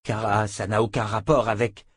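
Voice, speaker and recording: A man's voice: fairly low pitch, little pitch movement, normal speed, breathy edge, no echo. A man reading an audiobook, voicing a desperate young male hero who pleads in a raised voice. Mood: bewildered.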